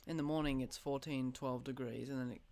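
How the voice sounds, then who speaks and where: A teenage boy hosting a casual podcast chat, excitable and swearing casually. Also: medium pitch, fairly quick, clean tone. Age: teens. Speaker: podcast host.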